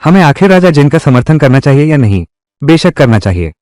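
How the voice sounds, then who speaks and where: A man's voice: on the high side, sing-song, brisk, darkish tone, no room sound, clean studio sound. A man performing declamatory dubbed dialogue for a historical drama. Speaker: dub voice actor.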